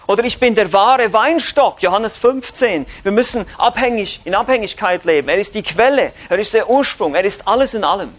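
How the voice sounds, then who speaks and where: A Swiss German man teaching from the Bible in sermon style. His voice sits high for a man, and he stresses points emphatically, rising then dropping low. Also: lively intonation, fairly quick, hardly any pauses. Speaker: preacher.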